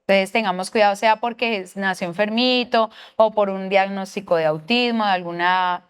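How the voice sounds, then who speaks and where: Colombian woman, middle-aged, church parenting teacher, smooth clear voice, earnest with questions to the room. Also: medium pitch, normal speed. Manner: earnest, asks the audience questions.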